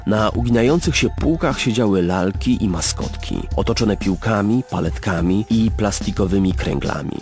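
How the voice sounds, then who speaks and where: A man narrating a story in a measured, expressive storytelling manner. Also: fairly low pitch, soft background music. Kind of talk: scripted audiobook narration.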